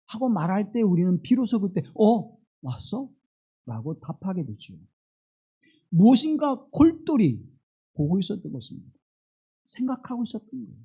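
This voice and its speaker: A man preaching a Sunday sermon in a church, slowing down for scripture and asking the congregation questions. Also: high voice, very animated, gravelly, slightly rough. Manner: slow, dramatic scripture reading with wide swings in loudness; asks the congregation rhetorical questions. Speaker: pastor.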